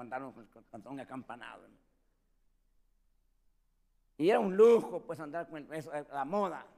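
High-pitched man, middle-aged pastor, lively sermon, acts out the voices he quotes. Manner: animated, acts out quoted voices, often calls listeners "brother".

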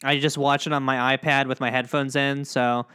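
A man's voice: medium pitch, flat delivery, normal speed, sharp tone, clean tone. A man co-hosting a podcast in casual chat, chatty and playful. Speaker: podcast co-host.

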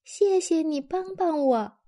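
A woman reading a storybook, voicing a small lost teddy bear that cries for help in a high pleading voice. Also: expressive, slow pace, dark tone, exaggerated voice.

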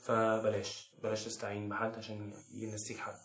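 A man's voice: lowish voice, completely flat delivery, a little fast, a bit bright. A young man with an Egyptian accent delivering a sarcastic, mock-serious comic advice monologue to the camera. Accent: Egyptian Arabic. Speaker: comedy vlogger. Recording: echoey room.

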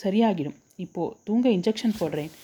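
A woman voicing a calm doctor who speaks briskly and matter-of-factly in a spoken story. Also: medium pitch, slightly rough, close to an everyday voice. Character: calm doctor giving a brief diagnosis.

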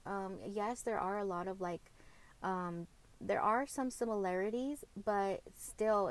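In a candid monologue on co-parenting, a woman with a medium-pitched, darkish voice reflects openly, pausing often and revising her words with frequent fillers. The host comes from Mexican heritage and grew up with Spanish spoken at home.

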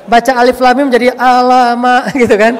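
A man from Indonesia giving a casual, humorous sermon with lively storytelling and jokes. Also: extremely high pitch, quick pace, long reverb tail, a little hiss or hum. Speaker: preacher.

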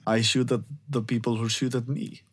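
A man plays in a tabletop game session. He talks in a halting way, stopping and restarting often, at an ordinary middle pitch. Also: level tone, slightly rough. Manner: hesitant, halting, many restarts. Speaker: player.

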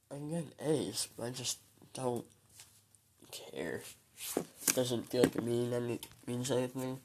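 A young man in his late teens rambling through a solo podcast, hesitant and full of ums, sounding weary and low, recorded on a phone. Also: very noisy. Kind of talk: rambling casual monologue.

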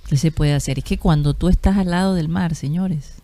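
A woman with a Colombian Caribbean coast accent, co-hosting a casual chat, joking and teasing and chiming in with quick interjections. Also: deep voice, dark tone, dry recording. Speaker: podcast co-host.

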